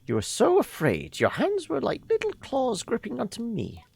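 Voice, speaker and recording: A kindly old woman from a game story, acted out by a player, her voice pitched high and creaky. She speaks tenderly and haltingly, like a gentle mentor offering reassurance. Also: huge pitch swings, dry recording, heavily acted. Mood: fond reminiscing.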